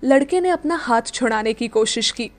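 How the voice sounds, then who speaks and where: Woman, audiobook narrator, expressive, high voice. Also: moderate pace.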